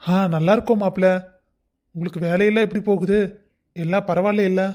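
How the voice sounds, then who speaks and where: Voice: medium pitch, steady tone, quick pace, a little mellow, natural voice. A performer voicing a mild, easygoing older father-in-law in a cartoon story. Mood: polite.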